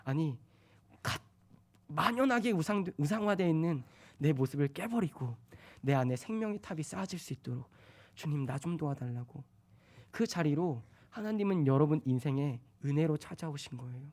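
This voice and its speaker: A man preaching a sermon, swinging between loud urgent stretches and soft hushed ones. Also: fairly high pitch, animated, normal speed.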